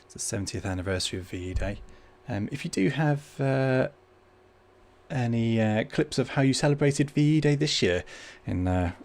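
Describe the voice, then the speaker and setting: Creaky, lowish-voiced man hosting a livestream. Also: darkish tone. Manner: hesitant, rambling, informal delivery. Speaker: livestream host. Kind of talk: casual livestream chat.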